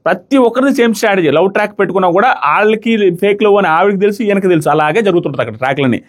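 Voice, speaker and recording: Speaking in a high voice, a man gives a lively, informal review of a reality show, quickly summarizing events and repeating others' quotes.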